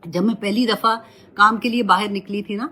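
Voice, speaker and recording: A woman Quran teacher giving gentle, motherly religious advice and mixing English words into her talk. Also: mid-range voice, fairly even intonation, breathy edge.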